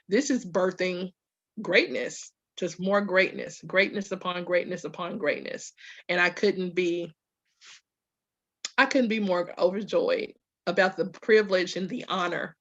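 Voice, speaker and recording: A woman's voice: lowish voice, unhurried, fairly bright tone, highs cut off. A woman from Louisiana with a Southern US accent, speaking informally and emphatically to followers as a group facilitator, often piling up lists and checking in with listeners. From Louisiana, USA. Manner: emphatic, repetitive lists, checks in with "okay" and "right". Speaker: spiritual group facilitator and host. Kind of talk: informal promotional talk to followers.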